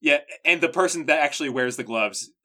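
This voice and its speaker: A man with a bright, forceful voice, casually pitching ideas and stumbling over restarts as he pushes them forward. He sounds eager and quick to jump in. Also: lively intonation. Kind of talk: casual brainstorming chat.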